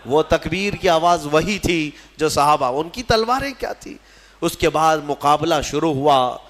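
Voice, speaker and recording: A man preaching a sermon as a storyteller, impassioned and rising to loud declamation, slowing into chanted recitation. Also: on the high side, lively intonation. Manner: recites scripture in slow chant. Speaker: Islamic preacher.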